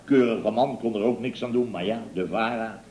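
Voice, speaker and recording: A man's voice: lowish voice, moderate pace, darkish tone, reverberant, slight background noise, lightly acted, rough recording. An actor playing a pompous, boastful middle-aged contractor boss in a 1960s radio comedy, rambling through his stories. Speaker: boss of a building firm.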